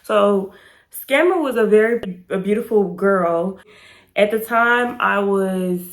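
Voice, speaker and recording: Here's a YouTube storytime vlogger, an American woman in her twenties, speaking slowly at a medium pitch. She's informal and emphatic, full of slang, and sounds stuffy and slightly hoarse thanks to pollen.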